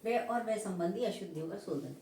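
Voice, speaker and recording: A woman's voice: mid-range voice, normal speed, warm tone. A woman teacher giving a grammar lesson, explaining patiently and often checking in with her students. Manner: explanatory, repeats "ठीक है" to check understanding. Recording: echoey room, voice from a distance.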